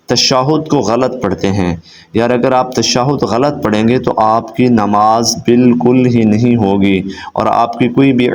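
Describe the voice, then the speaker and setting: A man teaching prayer recitation, explaining quickly and then spelling out words syllable by syllable in a slow, drawn-out chant. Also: on the low side, darkish tone, a little hiss or hum. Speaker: religious teacher. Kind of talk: recitation lesson.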